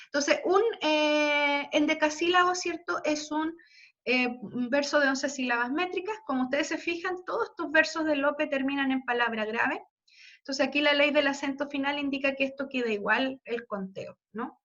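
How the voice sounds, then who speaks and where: Woman teaching a poetry class, high bright voice, keeps asking "ya?", muffled lo-fi audio. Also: moderate pace. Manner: explanatory, counts syllables aloud, frequent tag questions. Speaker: literature teacher. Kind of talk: online class lecture.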